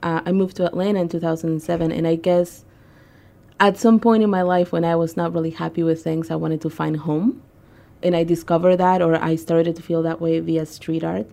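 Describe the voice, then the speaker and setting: Low, gravelly-voiced woman guest. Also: level tone, normal speed, dark tone. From Peru. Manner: conversational, frequent ums and uhs. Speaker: guest, arts organizer. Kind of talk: radio interview.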